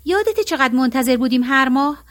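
A woman reading the part of a middle-aged woman who feels life slipping away, earnest and plaintive. Her voice rides high. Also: expressive, a bit bright.

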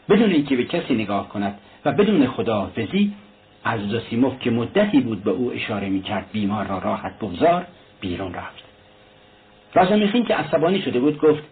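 A man reading a novel aloud in a steady, literary narration. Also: on the low side. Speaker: audiobook narrator. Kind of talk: scripted narration. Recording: tinny lo-fi recording, faint hiss.

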